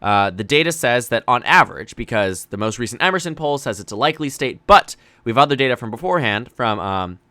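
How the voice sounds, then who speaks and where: A young man hosting a solo election analysis show, talking quickly and energetically, often correcting himself. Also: mid-range voice, no echo. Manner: rapid, energetic, self-correcting analytical talk. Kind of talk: solo political commentary.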